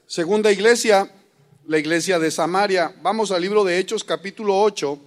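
Middle-aged Mexican preacher, high voice, folksy and joking sermon delivery. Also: male voice. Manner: folksy, joking, addresses listeners as brothers. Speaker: pastor.

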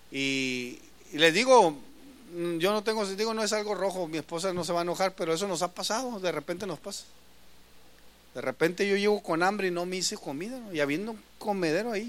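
High-voiced impassioned male preacher. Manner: impassioned preaching, rising loud on key lines, dropping to soft asides. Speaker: pastor. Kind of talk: sermon.

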